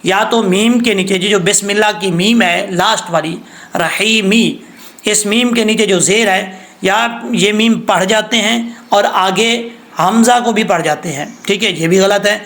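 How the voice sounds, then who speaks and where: Man, tajweed teacher, high voice, patient explanations. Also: a bit bright. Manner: patient explanatory teacher, slows to recite verses. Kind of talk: recorded recitation lesson.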